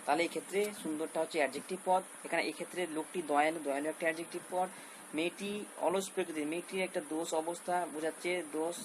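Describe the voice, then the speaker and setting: A male teacher giving a grammar lesson, repeating key terms and walking through examples step by step. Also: a little high. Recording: noisy background hiss.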